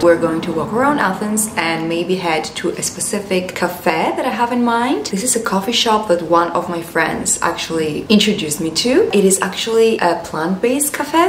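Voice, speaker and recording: A woman's voice: medium pitch, roomy sound, a little hiss or hum. A woman in her twenties chatting casually and upbeat to her camera in a vlog, a little out of breath. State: slightly out of breath. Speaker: vlogger.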